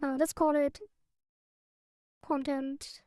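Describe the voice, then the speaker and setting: A woman's voice: high voice, flat delivery, takes it slowly, a little mellow, dry recording, clean studio sound. A woman streaming her game development, thinking aloud in half-sentences as she works. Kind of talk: casual livestream while coding.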